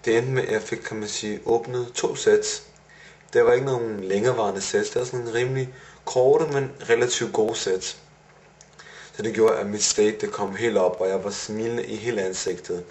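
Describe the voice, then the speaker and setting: A man's voice: fairly low pitch, steady tone, a little mellow. A young man recapping his day in a casual video diary, rambling and self-analytical with many fillers. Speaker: vlogger.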